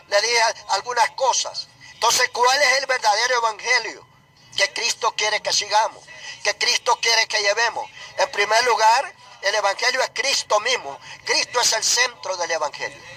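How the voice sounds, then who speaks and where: A man preaching a sermon with passion, repeating his points and rising to shouted peaks. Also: very high-pitched, rough recording.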